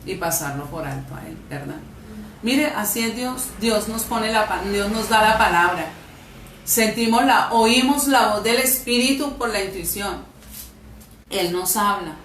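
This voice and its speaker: A woman's voice: medium pitch, lively intonation, unhurried, far from the mic, a little hiss or hum. A woman with a Colombian accent preaching a fervent sermon to a congregation, with emphatic rises in her voice. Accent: Colombian Spanish. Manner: emphatic, rising to loud fervent peaks. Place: church hall. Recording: echoey hall, voice from off-mic.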